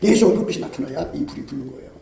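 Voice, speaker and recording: A man delivers a rapid-fire sermon in a high, mellow yet gravelly voice. He presses his listeners with rhetorical questions and laughs often between points. The sound carries the echo of a reverberant room. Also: lively intonation, a little hiss or hum. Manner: emphatic, prodding listeners with rhetorical "eh?"; laughs often while preaching. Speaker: preacher.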